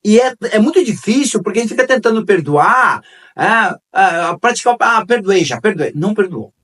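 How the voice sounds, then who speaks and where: A man's voice: high-pitched, animated, moderate pace, a bit bright, recorded from a distance. A man hosting a conversational talk on forgiveness, repeating key phrases and telling stories. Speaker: host.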